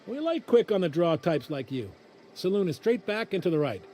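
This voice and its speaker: A welcoming saloon greeter in a game, selling the place with folksy patter. His voice is mellow and a little high, bouncing lively, with faint ambient noise behind. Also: normal speed. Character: friendly male saloon greeter on a frontier colony.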